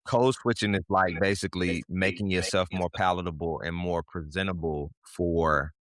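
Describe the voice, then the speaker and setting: A man co-hosting a podcast, talking things through in a measured, reflective way and telling stories from his own life. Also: deep voice, steady tone, a bit bright, dry recording, studio quality. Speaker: podcast co-host. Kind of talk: casual conversation.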